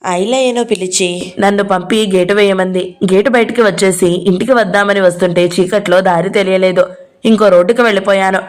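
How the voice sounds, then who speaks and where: A woman's voice: medium pitch, steady tone, fairly quick, close to an everyday voice. A woman voicing a chattering little boy in a storybook. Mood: eager chatter. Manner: rambling, breathless storytelling.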